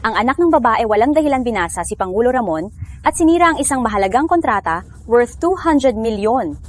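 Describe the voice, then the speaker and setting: A woman's voice: a little high, animated, a little fast, faint music behind, natural voice. A woman playing a polite, formal secretary. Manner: formal and respectful. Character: polite efficient young female secretary.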